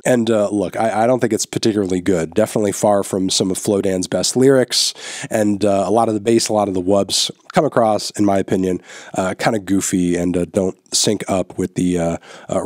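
The music reviewer host, sick and congested, speaks on the low side in a relaxed manner, dropping plenty of fillers and delivering blunt verdicts in his casual, opinionated reviews. A large studio microphone on a boom sits in front of him in a small, newly set-up indoor room, giving a clean, dry studio recording.

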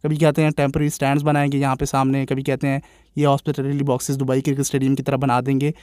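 A man's voice: mid-range voice, monotone, racing, darkish tone, no echo, studio quality. A man with a Pakistani Urdu accent, a cricket vlogger giving casual, exasperated commentary straight to his viewers. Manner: opinionated, exasperated, addresses viewers as brother.

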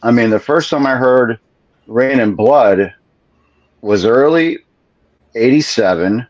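A man's voice: mid-range voice, takes it slowly, dry recording. A man in his forties, born in Venezuela and raised in Florida, telling his story as a guest on a casual video call, laid-back and swearing freely. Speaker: guest drummer. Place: home room with ceiling fan. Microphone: video call webcam. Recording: dull lo-fi video call audio.

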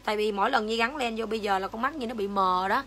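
A woman's voice: on the high side, fast talker, sharp tone, a little hiss or hum. A young woman with a Southern Vietnamese accent selling skincare on a livestream, switching between coaxing sales patter and foul-mouthed rants at commenters. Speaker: livestream seller.

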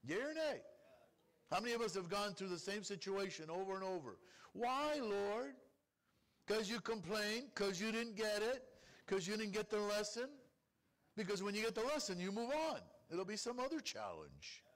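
Rabbi preaching with rhetorical questions. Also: male voice, high voice, very animated, normal speed, fairly bright tone. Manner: acts out complaining prayers in a pleading voice. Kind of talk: sermon. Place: congregation hall.

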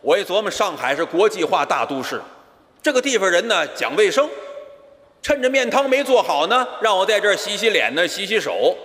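A man leads a live crosstalk act on a theater stage. His voice sits high and swings widely as he tells the story and jumps into the other characters' lines. The microphone picks up the long reverb of the hall. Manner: animated storytelling that switches quickly into acted dialogue. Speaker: lead comic of a crosstalk duo.

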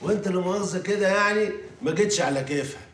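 A man's voice: sits high, rapid-fire, fairly bright tone, roomy sound, a little hiss or hum. An actor playing a sarcastic, streetwise man who mocks his friends, with an Egyptian accent. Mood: teasing. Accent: Egyptian Arabic. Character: mocking street-smart male sidekick.

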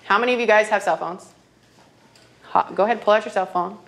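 A woman's voice: medium pitch, fairly quick, a bit bright. A woman in her thirties teaching a classroom money workshop, telling stories and checking in with "okay?" again and again. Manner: storytelling, checks in with frequent "okay?". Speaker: financial literacy trainer.

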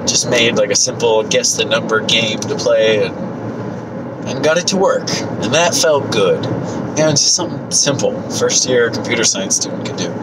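A man's voice: mid-range voice, normal speed. A man in his thirties with a stuffy nose from a cold, chatting casually as a vlogger, his voice a little worn. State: getting over a cold, coughing, voice tiring. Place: inside a moving car. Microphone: phone mounted at arm's length. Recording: loud car road and vent noise.

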